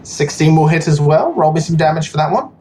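A man narrating as game master, relaxed and unhurried, with fillers. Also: on the high side, faint music behind, rough recording.

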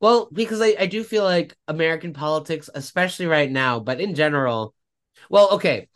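A man's voice: fairly high pitch, lively intonation, a little fast, fairly bright tone. A man co-hosting a casual political podcast, rambling and correcting himself as he talks, often laughing at his own stories. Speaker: podcast co-host.

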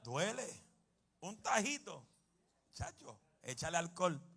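A man preaching a sermon, animated and humorous, bursting into shouts. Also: a little high, slow pace, creaky.

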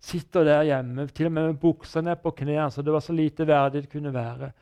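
A middle-aged man giving an earnest personal testimony in an interview, halting with many restarts. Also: fairly high pitch, steady tone, dark tone, clear, resonant tone. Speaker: guest telling his testimony.

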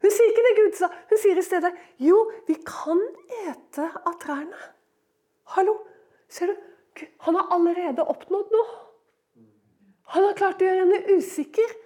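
A middle-aged woman preacher giving a sermon in a church, moving between loud emphasis and hushed whispers. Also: extremely high pitch.

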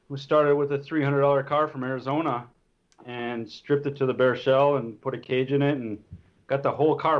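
A man in his fifties, a rally driver, telling stories in a relaxed, chuckling way. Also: mid-range voice. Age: 50s. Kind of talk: casual storytelling. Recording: dull lo-fi recording.

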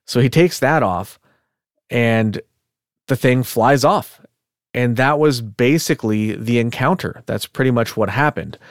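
Unhurried and easygoing, the same mid-pitched male co-host spins the tale of a case like he's just talking with a friend, musing aloud with asides and "ums." The sound is intimate and dry, free of room echo.

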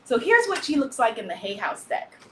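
Loud, exuberant high-voiced woman. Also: big pitch swings, moderate pace, a little hiss or hum. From Guyanese-Caribbean family. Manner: frequent laughter, cheering chants. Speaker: author hosting a live stream. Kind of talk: casual live-stream chat, reading viewer comments.

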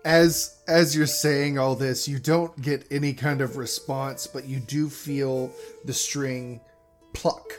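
A male game master narrating a tabletop game at an unhurried, drawn-out pace. He meanders and corrects himself mid-sentence, with faint guitar music playing behind him. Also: mid-range voice, little pitch movement. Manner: slow, meandering, self-correcting.

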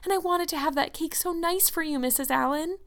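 A woman acts out an excitable young orphan schoolgirl from a storybook. The voice sits very high, well above an everyday register. She is effusive and dramatic, easily mortified, and spills out her feelings in long, melodramatic sentences. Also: fairly quick. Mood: forlorn. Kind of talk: storybook character voice.

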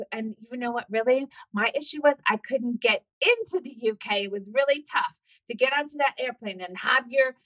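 Woman, podcast host, upbeat, motivational, fairly high voice, slightly muffled recording. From United States. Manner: upbeat, motivational, many fillers. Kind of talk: solo podcast talk.

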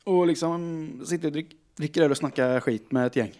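Animated man telling a story. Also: on the high side. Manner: animated storyteller who acts out quotes. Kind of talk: casual anecdote.

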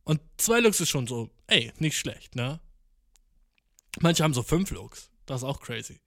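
A man's voice: medium pitch, very animated, measured pace, fairly bright tone, no echo, clean studio sound. A young man, rambling ironically in casual slang and mixing in English words. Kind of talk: casual monologue to camera.

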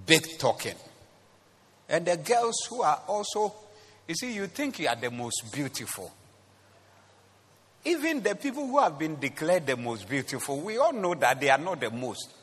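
A man preaching a sermon in church, animated and teasing, talking straight to the congregation. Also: on the high side, unhurried, long pauses, husky. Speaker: pastor. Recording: long reverb of a church hall.

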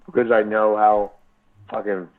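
Guy calling in on a crackly phone line, kinda low voice, swears a lot, keeps stammering and restarting. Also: flat delivery, a little slow. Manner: profane, stammering with many restarts. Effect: crackly phone line that keeps breaking up. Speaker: caller into a radio show. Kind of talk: rambling live call-in chat. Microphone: cell phone. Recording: tinny cell phone line.

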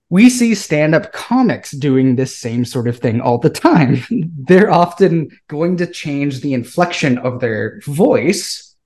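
A man's voice: a little high, a little mellow. A man explaining a scholarly argument to a group on a podcast, often checking in with "right?" and "okay?". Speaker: guest scholar.

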